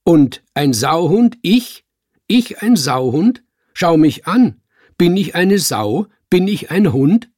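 A man voicing a cheeky talking tomcat, mocking and shouting back in a raised voice. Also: on the high side, big pitch swings, takes it slowly, no room sound, clean studio sound, voice pushed up, exaggerated voice. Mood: taunting.

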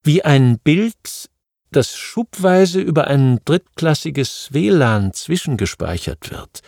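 A man narrating a history audiobook in a measured, even reading. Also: mid-range voice, vocal fry, breathy edge, no room sound, clean studio sound. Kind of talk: scripted narration of history nonfiction.

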